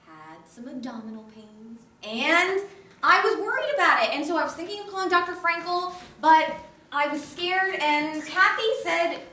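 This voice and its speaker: A woman's voice: very high-pitched, lively intonation, normal speed, pushed and bright, a little hiss or hum, full character voice. A woman playing an anxious, playful young woman in love in a live stage play. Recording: roomy stage, mic far off.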